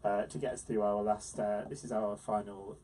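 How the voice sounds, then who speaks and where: A man's voice: on the low side, flat delivery, moderate pace, mellow, far from the mic, poor audio. A man hosting a theatre podcast interview in a studio, chatty, with theatrical introductions. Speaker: radio show host. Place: studio in New York.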